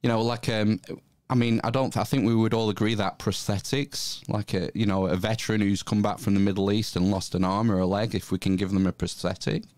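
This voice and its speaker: A man's voice: lowish voice, little pitch movement, fairly quick, darkish tone, dry recording. A man hosting a podcast, asking his guest questions in an easygoing, casual way. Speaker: podcast host. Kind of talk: casual interview conversation.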